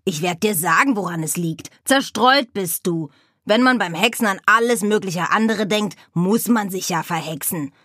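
A woman voicing a cranky know-it-all male raven who scolds in a shrill, squawking way. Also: moderate pace, fairly bright tone, no echo, clean studio sound, lightly acted. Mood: scolding.

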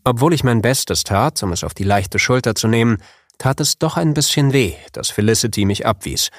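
A man's voice: medium pitch, animated, normal speed, dry recording, studio quality. A man reading a novel aloud in first person, with wry storytelling. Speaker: audiobook narrator. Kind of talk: scripted first-person narration.

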